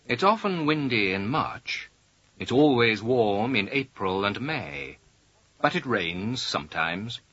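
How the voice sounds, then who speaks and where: A man speaking slowly and carefully in a scripted language-course dialogue. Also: lowish voice, sing-song, a bit bright, no echo. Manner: slow, careful, clearly spaced delivery. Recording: dull lo-fi audio.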